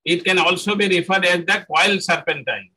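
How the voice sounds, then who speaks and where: Bright, high-pitched man lecturing haltingly. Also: husky, low-quality recording. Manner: halting, with frequent fillers and self-corrections. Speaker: spiritual lecturer. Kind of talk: spoken lecture on spiritual practice.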